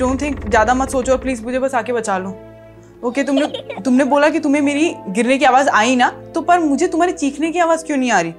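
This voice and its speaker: A young woman casually reading out a creepy text story and reacting to it, animated and mixing English phrases into her talk. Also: sits high. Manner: animated, mixes English into chat, reacts with gasps and laughs. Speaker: YouTuber reading creepy texts. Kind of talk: casual storytelling read-aloud.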